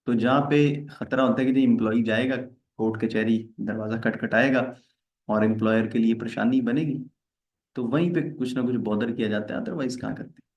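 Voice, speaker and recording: A man's voice: medium pitch, fairly even intonation, a little fast. A man teaching a live online tax lesson, chatty, acting out little dialogues and asking viewers questions. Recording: roomy, slightly dull livestream audio.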